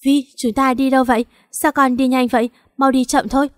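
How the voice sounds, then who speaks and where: A woman's voice: fairly high pitch, normal speed, no echo, clean studio sound, long reverb tail, close to an everyday voice. A woman voicing an anxious older mother. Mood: frightened. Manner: pleading, scolding. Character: older mother, frightened then scolding.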